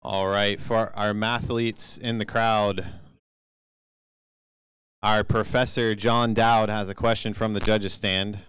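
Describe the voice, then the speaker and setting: A man announces a live bicycle race with a very clear, ringing voice and a dry, close sound. He mixes play-by-play with light jokes and asides in a relaxed, playful manner. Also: fairly low pitch, takes it slowly, no room sound. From Kentucky. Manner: jokey, playful asides between race calls. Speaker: track announcer. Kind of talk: live race commentary over PA.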